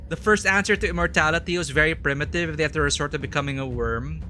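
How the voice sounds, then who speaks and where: A man hosting a game playthrough, mixing casual, expressive reactions with dramatic reading of text. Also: a little high, fast talker, slight background noise. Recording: voice over game music.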